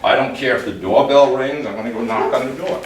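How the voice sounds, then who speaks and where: A man working as a dog trainer, calmly explaining a hands-on demonstration and giving short commands to dogs. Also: medium pitch, fast. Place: room in a house. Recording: echoey room, mic far off, background noise.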